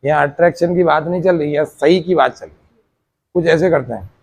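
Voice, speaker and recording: A man teaching a meditation class, explaining each step slowly and asking again and again whether his students have understood. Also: on the high side, vocal fry.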